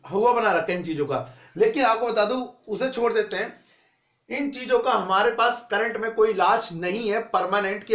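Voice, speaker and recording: A man's voice: high-pitched, a bit bright. A male teacher giving a conversational economics lesson, asking questions and answering them himself. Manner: conversational, asks and answers his own questions. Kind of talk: classroom economics lecture. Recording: echoey room.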